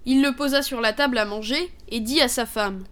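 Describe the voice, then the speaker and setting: A woman narrating a storybook fable in a steady, clear reading voice. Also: a little high, brisk.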